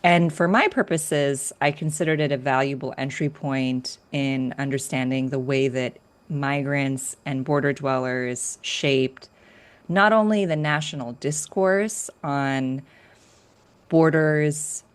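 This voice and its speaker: A woman from Northern California, a guest author in an interview, explaining her research in a clear, structured way. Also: a bass voice, takes it slowly. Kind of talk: academic interview.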